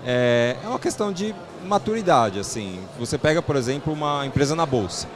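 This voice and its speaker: A man with a Brazilian Portuguese accent speaks as an interview guest in a mid-pitched voice. He explains in an informal way, checking in with short tag questions. A clear bed of crowd chatter sits behind him. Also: big pitch swings, fairly quick. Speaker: podcast guest, startup investment platform founder. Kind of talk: conversational interview answers.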